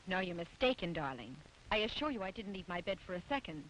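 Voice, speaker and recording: A woman's voice: fairly low pitch, big pitch swings, quick pace, low-quality recording. An actress playing a confused mother under a spell in a 1950s dubbed film. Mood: bewildered. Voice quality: soft, bewildered.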